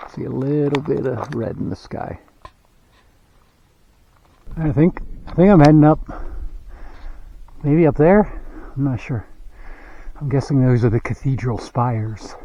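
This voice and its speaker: Rambling man vlogging outdoors, mellow voice. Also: medium pitch, a little slow, vocal fry, pauses often, a little hiss or hum. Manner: rambling, thinking aloud with many fillers. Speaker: hiking vlogger. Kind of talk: casual vlog narration. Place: outdoors on trails and at a campground. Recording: dull lo-fi camera audio.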